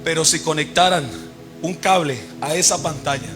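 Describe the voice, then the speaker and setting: A male pastor preaching a sermon to his congregation. He keeps firing questions at them and has them finish his sentences, swinging from loud emphasis to quiet asides. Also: fairly high pitch, moderate pace, music in the background. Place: church service.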